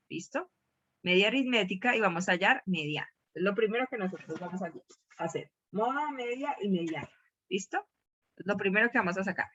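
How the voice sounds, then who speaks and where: Bright-voiced teacher, lo-fi. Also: female voice, mid-range voice. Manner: questions students, repeats key words. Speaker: math teacher. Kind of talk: classroom teaching. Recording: dull lo-fi class recording.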